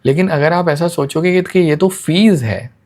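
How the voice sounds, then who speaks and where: A man's voice: fairly high pitch, normal speed, darkish tone. Man explaining money habits in casual Hindi-English. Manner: conversational, mixing Hindi and English, uses everyday examples. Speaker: YouTube educator explaining a finance book. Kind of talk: casual explanatory talk to students.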